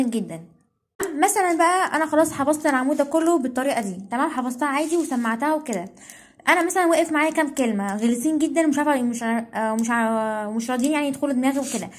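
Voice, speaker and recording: A young Egyptian woman tutoring at a breakneck clip, her voice sitting high. She keeps checking in with "okay?" and restarts her sentences, explaining casually as she writes. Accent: Egyptian Arabic. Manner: rapid, checks in with "okay?" constantly, self-correcting. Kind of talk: casual study tips while writing.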